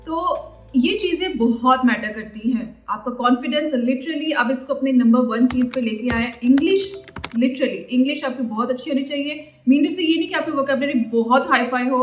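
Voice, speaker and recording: A woman vlogger giving job-hunting advice in a chatty, explaining way, dropping English phrases into her talk. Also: high voice. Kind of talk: casual advice vlog. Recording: roomy echo, faint background music.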